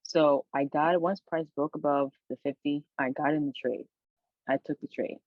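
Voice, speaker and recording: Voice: mid-range voice, steady tone, moderate pace, no echo. A stock trader with the hiccups, giving a casual weekly recap of trades in a loose, rambling way with plenty of fillers. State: has the hiccups. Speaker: stock trader hosting a channel. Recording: dry, tinny phone-like audio.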